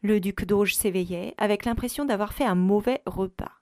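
A woman narrating an audiobook in a measured, even reading. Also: medium pitch, no echo, studio quality.

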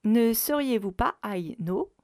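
A woman's voice: fairly high pitch, animated, slow pace, darkish tone, no room sound. A woman reading the part of a lazy, ironic man living on a barge, making dry, muttered remarks. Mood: wry. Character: lazy, wry male barge dweller.

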